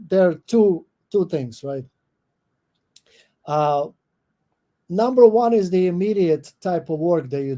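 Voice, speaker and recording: A middle-aged man from Croatia with a Croatian accent, a professor answering podcast interview questions thoughtfully, often pausing with fillers and restarting. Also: a little high, mellow. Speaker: guest professor.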